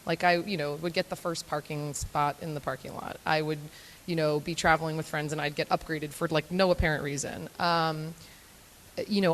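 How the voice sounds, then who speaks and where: A woman's voice: lowish voice, a bit bright. A young woman from Florida giving a chatty, self-deprecating live talk to an audience, with frequent filler ums. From Florida, United States. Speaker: guest speaker at a morning talk event. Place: event hall before a live audience. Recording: long hall reverb.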